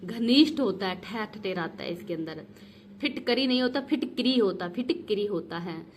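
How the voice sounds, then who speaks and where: A woman teacher giving an exam revision lesson, repeating each word slowly to drill its correct spelling. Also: medium pitch, animated, slight background noise.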